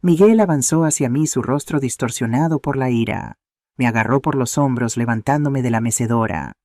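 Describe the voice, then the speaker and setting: Dark-voiced Spanish man narrating a story. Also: medium pitch, expressive, moderate pace, dry recording, studio quality. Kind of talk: scripted first-person narration.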